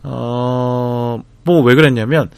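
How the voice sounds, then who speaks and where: A man, talking to camera about a film festival trip in a reflective, casual way, with frequent pauses, fillers and restarts. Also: mid-range voice, steady tone, gravelly, smooth, no room sound. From Busan, South Korea. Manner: thoughtful, hesitant, many fillers and restarts.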